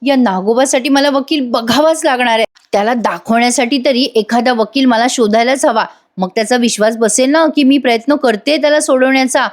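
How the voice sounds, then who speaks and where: A woman's voice: on the high side, fairly quick, hardly any pauses, lightly acted. A woman reading as an exasperated young woman. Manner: exasperated, muttering to herself. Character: frustrated young woman seeking a lawyer. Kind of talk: recap voice-over reading of a soap scene.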